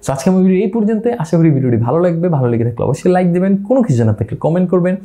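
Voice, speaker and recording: Bangladeshi male creator, 30s, chatty tutorial host, lively pitch, slightly high voice. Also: racing. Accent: Bangladeshi Bengali. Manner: chatty, explains with repeated asides. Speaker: YouTube creator. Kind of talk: casual talking-head tutorial. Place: home at night.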